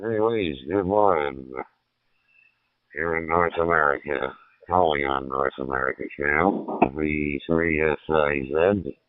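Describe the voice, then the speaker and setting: Low slow man heard over radio. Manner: hesitant, many fillers. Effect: heard over a radio transmission. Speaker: amateur radio operator. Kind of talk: calling on a radio channel. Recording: tinny distant radio signal.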